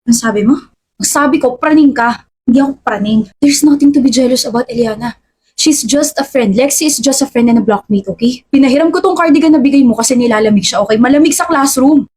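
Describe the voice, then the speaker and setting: A woman performs a scripted comedy skit in a high, somewhat breathy voice. She argues back and forth with pointed retorts and slips English phrases into her lines. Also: fast, a little mellow. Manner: argumentative, mixing English into Filipino.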